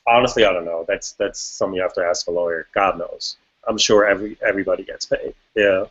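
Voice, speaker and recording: A man from Switzerland talks casually as an interview guest, rambling and restarting his thoughts. His voice sits low. The recording is dull and lo-fi. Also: quick pace. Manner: relaxed, rambling, frequent restarts and fillers. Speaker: guest music producer. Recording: dull lo-fi audio.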